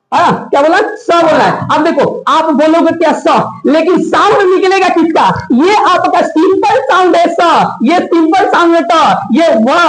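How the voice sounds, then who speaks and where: A woman teaching phonics to a class, her voice pitched high. She drills her students by asking the same question again and again. The sound bounces around an echoey classroom. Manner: drills with repeated quiz questions. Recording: echoey room.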